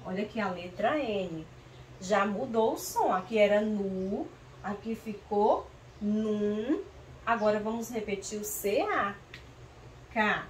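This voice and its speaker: A woman teacher from northeastern Brazil leading a slow, patient reading lesson for young children, sounding out syllables clearly and calling on pupils by name. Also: medium pitch. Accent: Brazilian Portuguese, northeastern. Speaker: primary school teacher. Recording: roomy, distant mic with faint noise.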